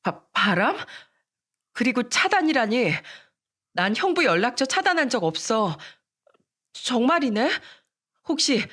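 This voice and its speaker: A woman voicing a young, indignant younger sister who protests in a shrill way in a radio-style story. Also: sing-song, a little slow, long pauses, a bit bright, full character voice. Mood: bewildered.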